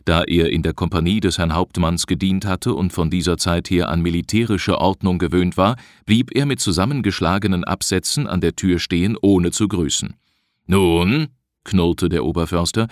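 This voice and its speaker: A man narrating an audiobook in a measured, deliberate reading style. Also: sits low, no room sound, studio quality. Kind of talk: scripted narration.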